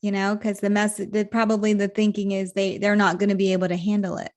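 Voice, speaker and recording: A woman's voice: mid-range voice, flat delivery, fast, darkish tone. A woman hosting a podcast, reflective and supportive in casual conversation, laughing often. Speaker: podcast host.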